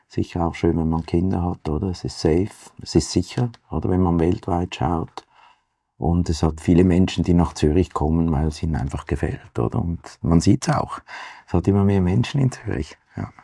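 Middle-aged Swiss-German restaurateur on a panel, dark and gravelly, tags lines with "oder?". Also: male voice, low-pitched, no room sound, studio quality. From Zurich, Switzerland. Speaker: vegetarian restaurant owner. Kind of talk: panel discussion.

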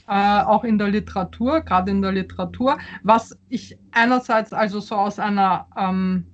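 An author whose first language was Polish answers interview questions in a medium-pitched voice, thinking aloud as she goes. She sounds thoughtful and hesitant, pausing often, using many fillers and restarting her sentences. The recording is slightly dull and lo-fi.

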